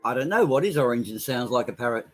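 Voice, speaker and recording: A man's voice: mid-range voice, lively intonation, quick pace, soft background music. A man joining a casual poker chat, trading dry jokes and teasing the others. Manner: dry, teasing joke-teller. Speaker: poker game regular.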